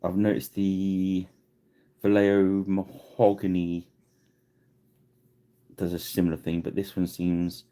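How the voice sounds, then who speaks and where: A man's voice: monotone, takes it slowly, pauses often, warm tone. A man hosting a live miniature painting tutorial, chatting casually and laughing at himself as he works. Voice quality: deep gravelly voice. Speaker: miniature painting livestream host.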